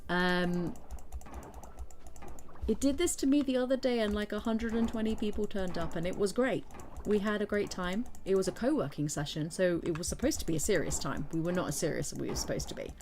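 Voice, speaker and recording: A woman's voice: fairly low pitch, fairly quick, few pauses, a little mellow, a little hiss or hum. A woman chatting casually and playfully with viewers while streaming a game, throwing in silly beep-boop noises. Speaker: gaming streamer. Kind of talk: casual live gameplay chat.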